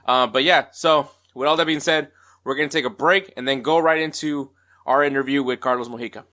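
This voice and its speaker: A man's voice: mid-range voice, steady tone, a little fast, pushed and bright. Chatty upbeat man hosting a podcast. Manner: upbeat and chatty, with frequent fillers and restarts. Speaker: podcast host. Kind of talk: casual podcast intro and interview.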